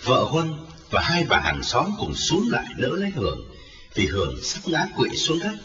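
A man narrating a dramatic story, expressive in his storytelling. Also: fairly high pitch, moderate pace, a little hiss or hum. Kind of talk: dramatic audiobook reading. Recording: roomy, lo-fi, distant, with music.

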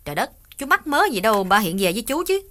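Brief: high, bright put-on woman's voice for a nosy young wife, read by a male narrator. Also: very animated, fast talker, exaggerated voice. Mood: puzzled, curious. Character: curious young village wife, chatty.

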